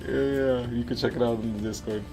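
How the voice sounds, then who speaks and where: Brisk and steady, this medium-pitched male voice has a dark tone. He's a livestreamer from Miami, Florida, in the United States, casually narrating his gameplay as music and game audio play.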